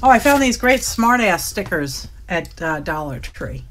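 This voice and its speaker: A woman's voice: medium pitch, very animated, a little slow. A woman hosting a live craft stream, chatting casually and joking as she shows her steps. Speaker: craft show host. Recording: faint background noise.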